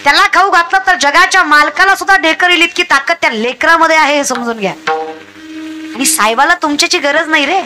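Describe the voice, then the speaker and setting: A woman's voice: sits high, fairly quick, bright, forceful tone. A woman preaching a comic devotional sermon, scolding the crowd and mimicking villagers. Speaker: kirtan preacher.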